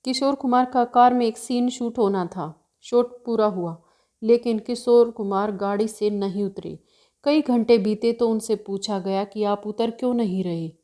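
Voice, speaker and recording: A woman giving a scripted narration of anecdotes in a steady storytelling delivery. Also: on the high side, a little slow.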